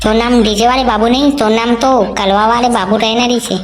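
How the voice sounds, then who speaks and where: A woman voicing cartoon characters with a Chhattisgarhi accent, trading rough, teasing banter. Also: on the high side, fairly even intonation, a little fast, background noise. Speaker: cartoon voice artist. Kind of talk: comic cartoon dialogue.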